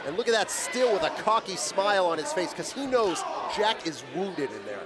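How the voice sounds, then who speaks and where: A man's voice: high-pitched, big pitch swings, normal speed. A man calling live wrestling play-by-play as a commentator, with dramatic, emphatic delivery. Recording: live event, loud crowd noise. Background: very loud crowd and venue noise.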